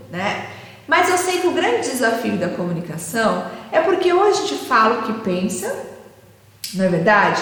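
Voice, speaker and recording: A woman with a Brazilian Portuguese accent teaching caregivers in a didactic way, often checking in with her listeners through rhetorical questions. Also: high-pitched. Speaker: caregiving educator. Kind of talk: lecture to caregivers. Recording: echoey hall with long reverb.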